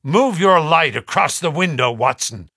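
A stern, plain-spoken gentleman barking questions and orders with blunt authority, as a male narrator puts him on. The voice is bright and forceful, recorded close and dry, for a storybook reading. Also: medium pitch, slow pace, no echo. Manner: stern, commanding. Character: stern, direct aristocratic gentleman.

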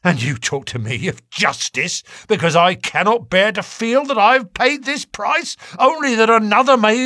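A man's voice: mid-range voice, bright, forceful tone, no room sound, clean studio sound, voice pushed up. A man reading aloud, voicing a defiant, bitter middle-aged male convict who talks in an impassioned snarl.

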